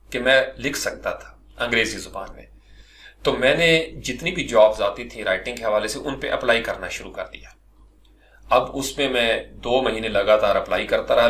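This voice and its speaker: In a mid-range voice, a middle-aged man from Pakistan who works as a freelancer tells the story of his career. He keeps it lively and personal, frequently speaking to his audience with courtesy.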